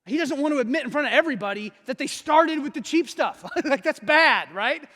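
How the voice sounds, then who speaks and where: A man's voice: very high voice, expressive, brisk, sharp tone. A man in his forties preaching a sermon as a pastor, casual and joking, acting out the people in the story. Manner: conversational, jokey, acts out voices of characters. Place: church sanctuary. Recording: echoey church hall.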